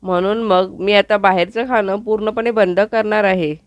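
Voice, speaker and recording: A woman's voice: medium pitch, steady tone, normal speed, dry recording, lightly acted. Woman reading an earnest pregnant young wife, explaining steadily, dry close sound.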